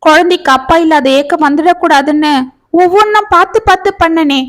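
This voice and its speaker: A woman's voice: high voice, moderate pace, natural voice. A woman voicing a distressed middle-aged single mother, tearful and pleading. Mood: anguished. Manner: tearful, pleading, rising and raw.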